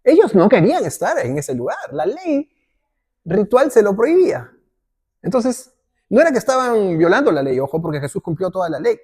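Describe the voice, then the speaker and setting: A man's voice: sits high, sing-song, normal speed, darkish tone, breathy edge. Man preaching a conversational sermon. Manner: conversational preaching, often asks ¿ok? and acts out short quotes. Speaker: pastor.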